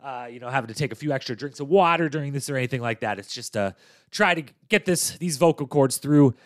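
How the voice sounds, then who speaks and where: A man's voice: mid-range voice, animated, fast, no room sound, studio quality. A man hosting a casual podcast, with a nasal voice made stuffier by a cold, chatting playfully into a microphone in a small room. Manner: chatty, self-promoting, playful asides. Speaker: podcast host. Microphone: studio microphone.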